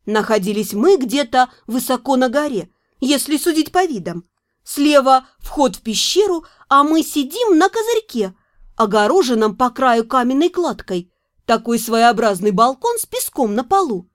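A woman reading an audiobook in an expressive first-person voice, acting out the heroine as she goes. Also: sits high, moderate pace, no echo, clean studio sound. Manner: expressive, acts out the heroine's lines. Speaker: audiobook narrator. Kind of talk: scripted first-person narration.

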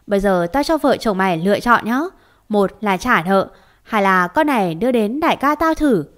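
A crude male gangster, bullying and mocking, every line a sneer at a mid-range pitch. A woman storyteller does him in her own voice. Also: lively intonation, moderate pace, close to an everyday voice. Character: coarse bullying male gangster debt collector.

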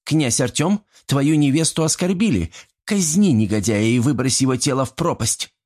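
A man's voice: mid-range voice, animated, normal speed, darkish tone, slightly rough, voice pushed up. A man voicing a capricious, petulant young woman in an audiobook.

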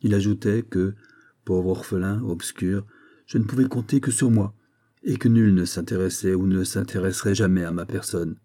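A man reading a novel aloud as an audiobook narrator, measured and even. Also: low voice. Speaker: audiobook reader.

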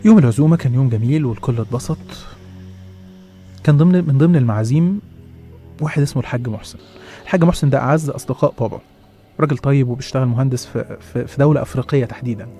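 A man with an Egyptian accent narrating a horror story in a hushed way, restarting his phrases. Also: medium pitch, rapid-fire, pauses often, faint music behind. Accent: Egyptian Arabic.

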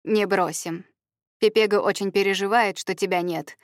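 A woman's voice: mid-range voice, steady tone, normal speed, no echo, clean studio sound, lightly acted. A woman reading a curt, commanding woman.

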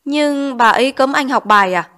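A woman's voice: sits high, normal speed, sharp tone, voice pushed up. A woman reading as a stern old schoolteacher. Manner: scolding, probing questions. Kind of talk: audiobook character reading.

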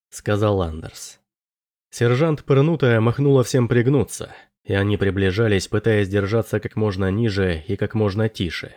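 A man narrating an audiobook in a steady, measured way. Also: on the low side, no room sound, studio quality. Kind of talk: scripted narration.

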